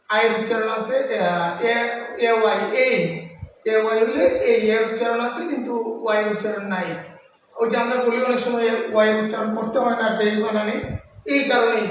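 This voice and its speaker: A man's voice: very high-pitched, a little hiss or hum. Man teaching in a very echoey room. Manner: halting, with frequent "ah" fillers and restarts. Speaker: English teacher. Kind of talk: classroom lesson explanation. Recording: far-off echoey room with faint ambience.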